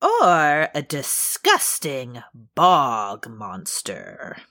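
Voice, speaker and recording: Slow, swooping, grandiose sorceress. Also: female voice, rumbling low, huge pitch swings, sharp tone, exaggerated voice. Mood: imperious, boastful. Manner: grandiose, formal, drawn-out delivery. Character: theatrical, vain, imperious sorceress mentor, playfully sly. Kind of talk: scripted audio drama acting.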